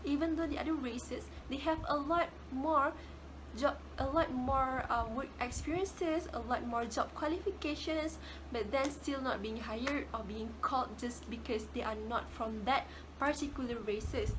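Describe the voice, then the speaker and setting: A young adult woman with a Malaysian English accent gives a casual class presentation as a student, often repeating words while she looks for the right phrasing. Her voice sits high, her pace is moderate, and there is background noise.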